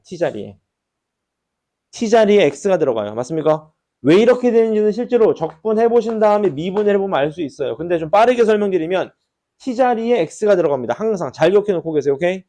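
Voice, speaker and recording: A man's voice: high-pitched, mellow. A man teaching a math class at the board, who keeps checking in with rhetorical questions and repeats key words for emphasis. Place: classroom at a whiteboard.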